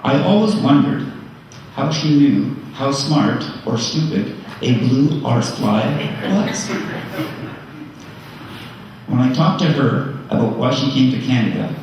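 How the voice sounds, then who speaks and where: An older man giving a eulogy for his mother, halting with fillers and gently joking. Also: mid-range voice, animated, noisy background. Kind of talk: memorial eulogy. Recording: echoey hall from far off.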